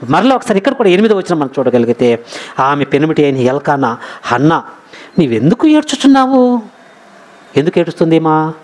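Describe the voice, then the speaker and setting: A male preacher delivers an emphatic sermon, repeating key phrases and calling out to his congregation. His voice sits high and rises and falls in wide, animated swings. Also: quick pace. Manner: emphatic, repetitive, addresses listeners directly. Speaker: preacher, Bible college principal.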